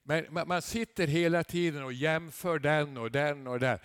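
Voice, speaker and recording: A man preaching a sermon in a chatty way to the congregation, with asides and tag questions, building to loud emphatic peaks. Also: fairly high pitch, smooth, no room sound, clean studio sound. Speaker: guest preacher.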